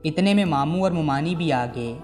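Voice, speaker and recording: A man's voice: fairly high pitch, normal speed, a little mellow. Solemn male storyteller with music. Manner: solemn, moralizing. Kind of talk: scripted moral-story narration. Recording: long reverb with background music.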